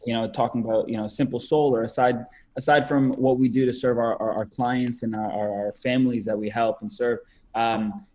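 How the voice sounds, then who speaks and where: Speaking over a video call as a podcast guest, this Canadian man in his twenties chats loosely, repeating words and leaning on fillers. The lo-fi recording carries a medium-pitched, slightly mellow voice.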